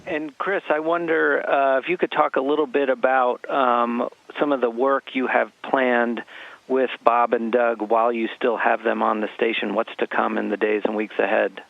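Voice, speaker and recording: A man's voice: mid-range voice, little pitch movement, moderate pace, vocal fry, no echo. A man, a reporter interviewing astronauts, asking polite, hesitant questions with many fillers, his voice heard over a radio link to space. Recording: dry, tinny phone-like radio line.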